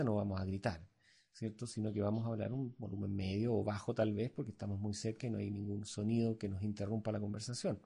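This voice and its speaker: A man with a Chilean accent lecturing as an instructor, halting and full of fillers and tag questions. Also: fairly low pitch, creaky, warm tone, slightly rough. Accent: Chilean Spanish. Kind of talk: recorded lecture.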